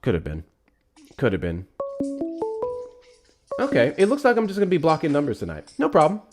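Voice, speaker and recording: A young man hosting a live political call-in stream, blunt and profane, quick to anger. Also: a little high, wildly swooping pitch, over loud music. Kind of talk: heated live call-in talk.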